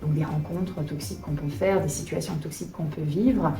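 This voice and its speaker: A woman in her late thirties from Alsace, a singer-songwriter answering interview questions in an earnest, thoughtful way, often pausing to search for words. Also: low-pitched, steady tone, dark tone, faint music behind. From Alsace, France. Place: concert venue. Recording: echoey room, voice from a distance.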